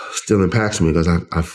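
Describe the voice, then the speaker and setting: A middle-aged man telling his own story as an interview guest, emotional and halting, often restarting his words. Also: deep voice, fairly even intonation. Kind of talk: personal testimony in an interview.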